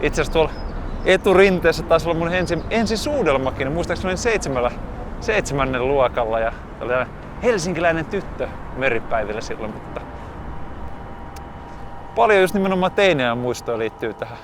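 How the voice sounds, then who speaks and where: A man's voice: on the high side, noisy background. A photographer from southeastern Finland musing casually about his past, outdoors at an airfield. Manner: relaxed, musing with restarts. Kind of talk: casual reminiscing.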